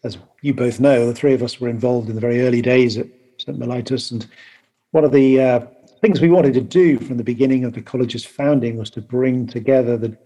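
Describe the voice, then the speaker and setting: A man hosting a podcast over a video call, talking casually and haltingly with many pauses. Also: medium pitch, mellow, slightly rough. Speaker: podcast host.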